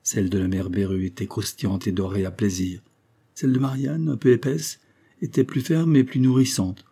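Male audiobook reader, low husky voice, measured storytelling pace. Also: fairly even intonation, warm tone. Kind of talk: reading a classic novel.

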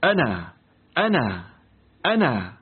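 A man's voice: medium pitch, huge pitch swings, measured pace, breathy edge, pitched below the performer's own voice, heavily acted. A man voicing a grave elderly sheikh. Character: revered elderly male scholar, calm and firm. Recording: tinny, lo-fi phone-like audio.

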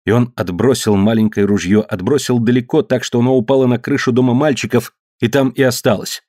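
A man's voice: mid-range voice, steady tone, brisk, darkish tone, dry recording. Man narrating an audiobook, dry sound.

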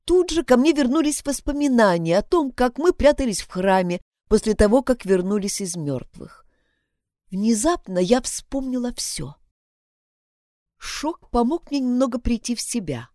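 A woman narrating a first-person story, her pitch moving lively up and down as she tells it. Her voice sits a little high and sounds dry and close. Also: moderate pace, dry recording. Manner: expressive storytelling.

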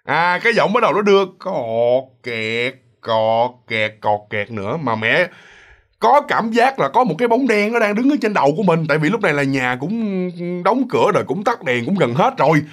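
A man's voice: high voice, big pitch swings, brisk, a bit bright. Chatty Southern Vietnamese male ghost storyteller. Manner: chatty, addresses listeners directly, acts out sounds. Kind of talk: casual ghost story narration.

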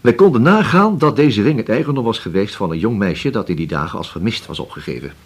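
An actor playing a shrewd police inspector who questions slowly and keeps humming to himself. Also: male voice, fairly low pitch, animated, husky. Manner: slow, probing, drawn-out with many hums. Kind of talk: radio drama acting.

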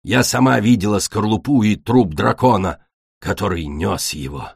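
A man voicing a harsh, bitter female dragon in a storybook reading, with a low, cold, husky delivery. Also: normal speed, no room sound, studio quality. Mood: angry. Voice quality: gruff, cold.

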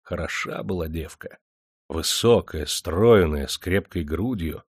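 A man narrates an audiobook in a low, steady storytelling voice. The delivery is measured and scripted. The recording is dry and close to the mic. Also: slightly rough, no echo.

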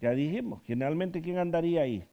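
Mujer que enseña en tono conversacional y animado. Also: female voice, deep voice, animated, quick pace, muffled recording. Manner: asks the group questions, often adds a tag question at the end; tells stories from her own counseling work. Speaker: Bible study teacher. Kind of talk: conversational Bible study teaching.

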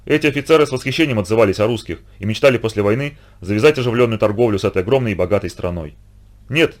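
Fast-reading male audiobook narrator. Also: fairly low pitch.

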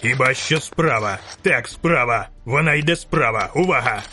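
A man doing a gruff cursing bounty hunter. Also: mid-range voice, animated, moderate pace, sharp tone. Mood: barking. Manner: gruff, barked commands.

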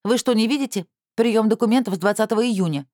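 A woman's voice: medium pitch, animated, fast, a little mellow, dry recording, studio quality, voice pushed up, lightly acted. A woman voicing a snappish young secretary. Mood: irritated. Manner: irritated, curt. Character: harried young female admissions secretary, snappish.

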